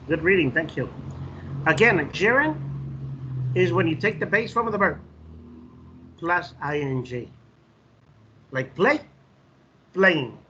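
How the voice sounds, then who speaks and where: A man's voice: a little high, fairly bright tone. A man with a Mexican Spanish accent teaching an online English lesson, explaining grammar with many fillers and repeated words, switching between English and Spanish. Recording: slightly dull audio with faint noise.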